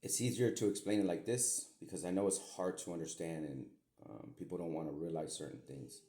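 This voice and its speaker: A man's voice: low voice, a little fast, dark tone. A middle-aged man and podcast host, talking to his daughter in a meandering, repetitive way with some mild swearing. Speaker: podcast host, self-described medium. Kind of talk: rambling spoken message to his daughter. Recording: echoey room.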